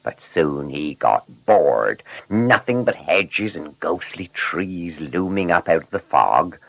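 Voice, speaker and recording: A man narrating a children's story in an animated, scripted storytelling manner. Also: low voice, takes it slowly, creaky, no room sound, poor audio.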